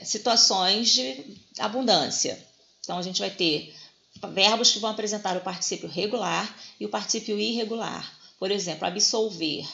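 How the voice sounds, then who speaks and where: A woman's voice: medium pitch, creaky, bright, forceful tone. A woman with a Brazilian Portuguese accent teaching a grammar lesson, explaining step by step and often checking in with her students. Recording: dull lo-fi recording.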